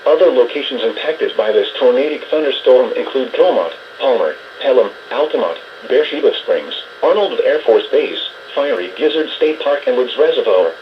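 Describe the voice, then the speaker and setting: This is a computer-generated man's voice at medium pitch, acting as an automated announcer for scripted emergency weather warnings. It speaks flatly and steadily, and the weather radio audio is noisy and muffled.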